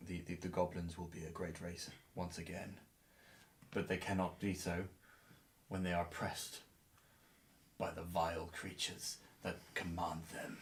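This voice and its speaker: A man's voice: deep voice, level tone, unhurried, long pauses, recorded from a distance. A man as a grave goblin god. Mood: solemn. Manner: grave, proclaiming. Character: solemn male goblin deity speaking from fire.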